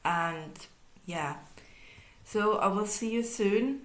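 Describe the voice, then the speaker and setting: A woman's voice: medium pitch, slow pace, roomy sound, a little hiss or hum, poor audio. A woman hosting her own channel, talking earnestly to the camera from home with small restarts. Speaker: channel host. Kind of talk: unscripted talk to camera. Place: room at home with a cat.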